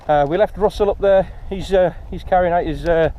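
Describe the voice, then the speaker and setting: A man's voice: sits high, a little fast, dull audio. A man, chatting jokily while vlogging a hike outdoors on windy hills into a handheld camera. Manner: chatty, joking, loose with fillers. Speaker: hiking vlogger. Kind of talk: casual vlog narration.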